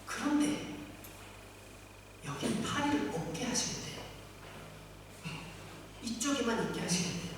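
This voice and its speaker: A woman pastor preaching a sermon, animated, acting out voices of God and the people in her story. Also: on the high side, measured pace, long pauses, noisy background. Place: church sanctuary. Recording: echoey church hall, mic far off.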